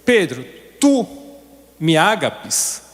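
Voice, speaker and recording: A man preaching who voices Jesus as a patient teacher asking questions slowly, in a hall with long reverb. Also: a little high, sing-song, exaggerated voice. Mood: gently questioning.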